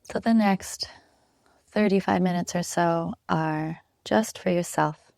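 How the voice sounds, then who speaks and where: Speaking as a yoga nidra teacher, this woman guides listeners through a relaxation meditation, calm and slow, letting long silences fall between soft cues. Her voice sits lowish and has a gravelly texture. It's a dry recording with clean studio sound.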